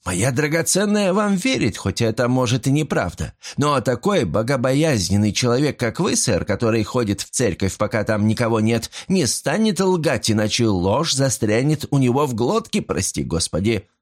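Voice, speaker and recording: A loyal, outspoken old servant woman from a storybook reading, sharp-tongued and forever calling on God, as a man acts her out. She talks up high and bright, with lots of movement in her voice. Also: big pitch swings, normal speed, hardly any pauses. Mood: bold. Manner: bold, pious exclamations. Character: old outspoken female housemaid, pious and loyal.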